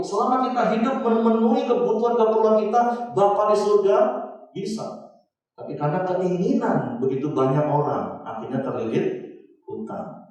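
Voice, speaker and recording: A middle-aged man preaching a sermon, talking lively to the congregation and acting out short jokey voices of churchgoers. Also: high-pitched. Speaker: pastor. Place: church hall. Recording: very echoey church hall, mic off at a distance.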